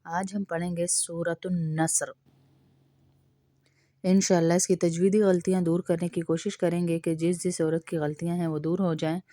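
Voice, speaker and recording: A woman teaching Quran recitation rules, reciting verses slowly and drawn out, then explaining quickly in between. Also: on the low side, little pitch movement, mellow, no echo, studio quality. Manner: slow drawn-out recitation alternating with fast explanation. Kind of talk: tajweed recitation lesson.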